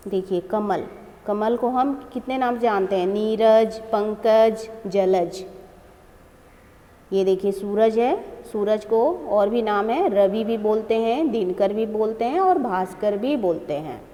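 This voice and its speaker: A woman's voice: medium pitch, slow pace, mellow, in a large hall. A woman teaching a grammar lesson to children, explaining and repeating each word.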